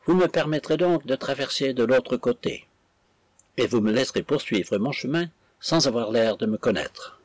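A man's voice: mid-range voice, lively intonation, moderate pace, no echo, lightly acted. A man voicing a proud, indignant young woman who scolds her sister with haughty scorn.

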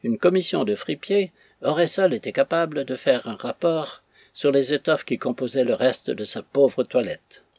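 A man reading a classic novel aloud in measured storytelling narration. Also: mid-range voice, expressive, darkish tone, husky, no echo. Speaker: audiobook reader.

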